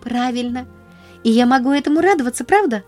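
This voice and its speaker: A woman reading a storybook aloud, voicing an excitable cheerful little orphan girl with high, eager, breathless exclamations. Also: moderate pace, soft background music. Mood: delighted.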